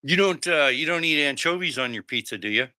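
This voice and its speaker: Bright, dry-voiced easygoing man. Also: fairly high pitch, expressive, a little fast, dry recording. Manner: easygoing, chatty.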